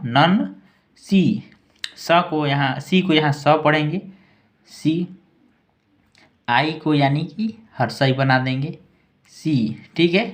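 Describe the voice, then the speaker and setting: A man with a slightly high voice runs a patient language lesson. He breaks each word into letters and sounds, going slowly, and keeps checking in with a quick "okay" as he goes. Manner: spells words out slowly letter by letter, many "thik hai" checks. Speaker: English teacher, channel host.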